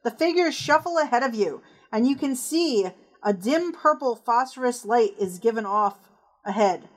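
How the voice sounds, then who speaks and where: A woman with a somewhat high voice runs a tabletop horror game. Her narration is hushed and suspenseful, with deliberate, descriptive scene-setting. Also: animated, low-quality recording. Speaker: game master.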